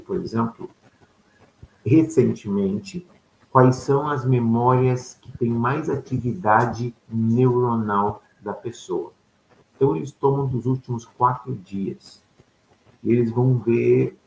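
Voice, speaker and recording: This man lectures on ufology, answering questions he raises himself and regularly checking in with those listening. The voice is mid-range and dark with vocal fry, recorded in an echoey space with faint background noise.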